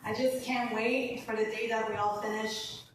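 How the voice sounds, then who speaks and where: A woman's voice: a little high, little pitch movement, normal speed. A woman in her thirties, originally from Hong Kong, giving an earnest personal speech as a new apprentice at an event, with many ums. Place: event hall. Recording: echoey room, mic far off, background noise.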